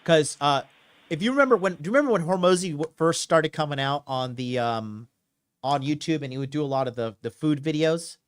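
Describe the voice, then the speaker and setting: A man in his late thirties hosts a casual call-in advice show as a dating coach, his voice fairly high, lively and quick, with a clear, resonant tone. He's emphatic, repeats himself, and keeps checking in with "okay."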